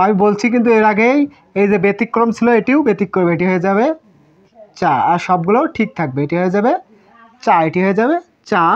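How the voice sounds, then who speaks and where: A woman's voice: mid-range voice, darkish tone. Patient woman teacher, repeats and writes as she talks; lo-fi classroom recording. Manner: patient, repeats syllables, thinks aloud while writing. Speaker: Japanese language teacher. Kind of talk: whiteboard lesson, slow drilling of syllables. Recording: muffled lo-fi recording.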